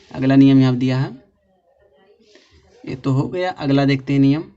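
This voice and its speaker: A man teaching a pronunciation lesson, posing questions and answering them himself and spelling out letters slowly. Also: medium pitch, a little mellow. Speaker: English teacher. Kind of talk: classroom-style pronunciation lesson. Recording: dull lo-fi recording.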